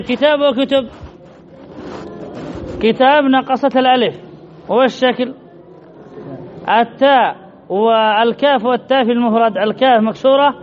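A man teaching an Arabic grammar lesson, reading a text and explaining it slowly and methodically, asking questions and answering them himself. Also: very high-pitched. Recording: dull lo-fi class recording with faint noise.

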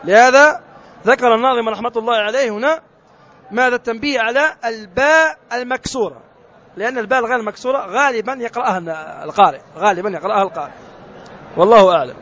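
Man, tajweed teacher, very high voice, quizzes students, drills letter sounds, muffled outdoor recording. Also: very fast, a bit bright. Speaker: Quran recitation teacher.

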